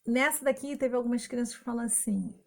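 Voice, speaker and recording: Brief: woman teacher, fairly high voice, patient step-by-step explainer, home recording. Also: fairly quick, vocal fry, a little hiss or hum. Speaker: first-grade teacher. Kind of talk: recorded online class explanation.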